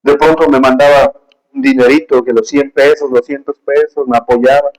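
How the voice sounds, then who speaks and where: A man's voice: mid-range voice, fairly even intonation, normal speed, darkish tone, low-quality recording. A man preaching a sermon with emotion and emphasis, telling personal stories, reading scripture aloud and calling his listeners brothers.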